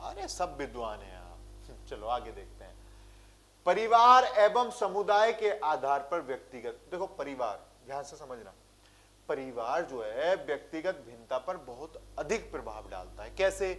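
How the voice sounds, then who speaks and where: A man's voice: a little high, very animated, unhurried, a bit bright, slight background noise. A male teacher with a rural Hindi way of speaking, giving an exam-prep lecture and answering his own rhetorical questions. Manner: speaks with a village-style way of talking.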